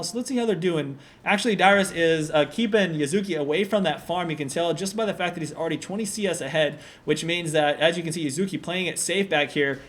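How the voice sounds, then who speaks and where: Man casting a video game, higher voice. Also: a little hiss or hum. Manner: relaxed analytical play-by-play with frequent fillers. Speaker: esports commentator. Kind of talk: solo game commentary.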